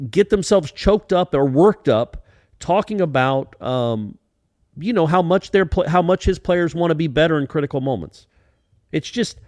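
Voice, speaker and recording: A man hosting a casual sports podcast, animated and rambling, with many restarts. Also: high-pitched, no room sound, clean studio sound.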